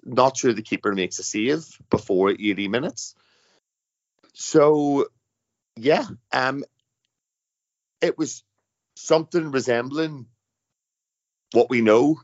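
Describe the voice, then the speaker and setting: A man's voice: medium pitch, no echo. A man hosting a casual football podcast in an informal, emphatic way. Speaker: podcast host. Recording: dull lo-fi podcast sound, dry.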